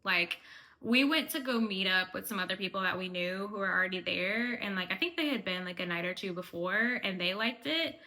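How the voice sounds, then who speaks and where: Bright-voiced woman vlogger, chatty. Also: mid-range voice, lively intonation, fairly quick. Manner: chatty, fills speech with "like". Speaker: travel vlogger. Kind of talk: casual travel recap.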